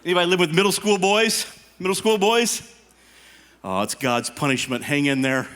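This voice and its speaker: Stand-up comedian, male, 50s. High, sharp voice, animated delivery, works the live crowd with teasing questions. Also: moderate pace. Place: live stage show before an audience.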